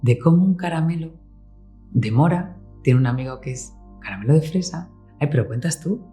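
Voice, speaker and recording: Casting: deep, warm-voiced female host, eager and exclamatory. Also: lively intonation, normal speed, faint music behind. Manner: enthusiastic, exclamatory. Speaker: host, interviewer. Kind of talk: casual conversation.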